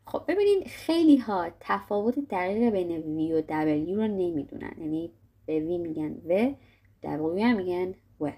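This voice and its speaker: Young woman teacher, casual friendly lesson, kinda gravelly voice, medium pitch. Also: warm tone. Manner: friendly, addresses viewers as kids, demonstrates sounds slowly. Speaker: English teacher.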